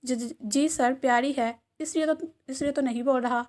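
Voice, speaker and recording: A woman's voice: high voice, fairly even intonation, moderate pace, a little mellow, natural voice. A woman doing a stammering nervous young assistant. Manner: stammering, flustered.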